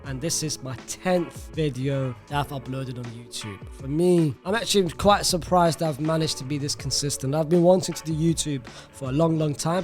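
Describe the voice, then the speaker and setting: A man from Iraq chatting casually to camera as a YouTuber. He talks in an animated, slangy way, often says "bro", and repeats words for emphasis. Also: a little high.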